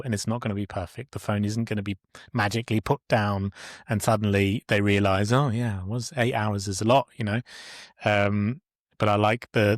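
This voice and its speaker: A man with a fairly low voice hosts a relaxed podcast chat. He talks in a halting way, full of ums and restarts. The sound is dry and close, with no room around it. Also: no echo. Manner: hesitant, many fillers and restarts. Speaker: podcast host. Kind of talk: casual conversational interview.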